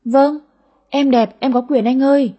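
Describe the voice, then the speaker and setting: A woman's voice: high-pitched, fairly even intonation, measured pace, slightly rough, muffled recording, pitched above the performer's own voice. A woman doing a whiny, greedy 30s daughter. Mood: coaxing. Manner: whiny, cheeky. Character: aged-36 daughter, greedy and sulky, high whiny voice.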